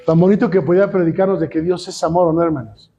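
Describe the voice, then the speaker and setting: A man's voice: a little high, steady tone, quick pace, gravelly, dull audio. A man with a Mexican accent preaching a sermon as a pastor, firing rhetorical questions at the congregation and calling them brothers. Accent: Mexican Spanish.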